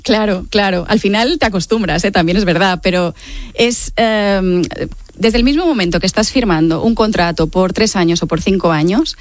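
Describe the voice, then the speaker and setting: This author, a Mallorcan woman in her late forties with a Spain Spanish accent, answers interview questions in a reflective, explanatory way. Her pitch is medium, her speed normal, and she often tacks on tag questions; the recording is dry.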